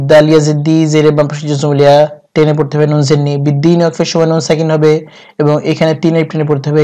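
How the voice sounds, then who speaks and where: A man teaching Quran reading, spelling out letters and vowel marks in a steady, methodical way, then reciting each phrase slowly and melodically. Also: fairly high pitch.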